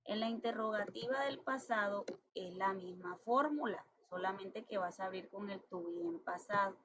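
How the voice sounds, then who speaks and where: A woman teacher walks through a grammar lesson step by step, patient and methodical. She reads each English example out slowly and carefully. The recording is dull and lo-fi, with a faint hiss behind her. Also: mid-range voice. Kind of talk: classroom lesson explaining grammar. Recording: dull lo-fi sound with faint noise.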